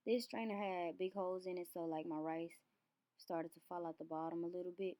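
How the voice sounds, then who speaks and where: A woman's voice: on the low side, fairly even intonation, a little fast, dark tone, poor audio. A young woman hair vlogger giving a casual how-to walkthrough, rambling in a chatty, loose way. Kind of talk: casual how-to vlog narration.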